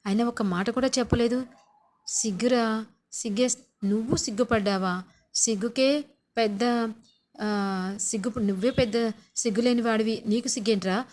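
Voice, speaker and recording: A woman's voice: on the high side, moderate pace, pauses often, darkish tone, lightly acted. A woman voicing a playful young man ribbing his older brother. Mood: teasing. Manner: teasing, ribbing.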